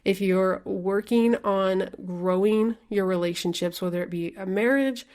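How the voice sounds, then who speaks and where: On her solo podcast, a life coach speaks casually and candidly, chatty with lots of "like" and some mild swearing. Her voice is medium-pitched and darkish, kept at a measured pace.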